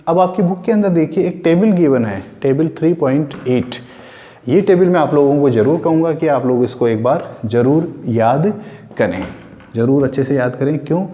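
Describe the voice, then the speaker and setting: Male teacher, mellow voice, long reverb. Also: a little high. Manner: repeats key points, asks the class questions. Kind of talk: chemistry lesson.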